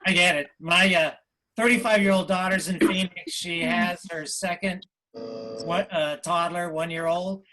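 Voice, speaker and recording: A man's voice: high-pitched, steady tone, sharp tone. Man, middle-aged, host, teasing questions, clicky noisy video call line. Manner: teasing, quick questions, laughs at own jokes. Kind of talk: hosting a comedy fundraiser interview.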